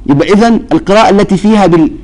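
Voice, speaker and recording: A male Quran teacher talks through a recitation lesson, his voice sitting slightly high. He lays out each point slowly and keeps asking the students if it is clear. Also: darkish tone, rough recording. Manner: explains step by step, checks understanding with questions. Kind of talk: classroom lesson.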